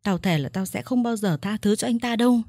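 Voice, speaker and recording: A woman's voice: medium pitch, fairly quick, no room sound, clean studio sound, lightly acted. A woman voicing a young mother who has been tricked out of her baby, raging and sobbing. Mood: bitter, vengeful. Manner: shouting, sobbing, vengeful. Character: furious young mother, wronged mistress.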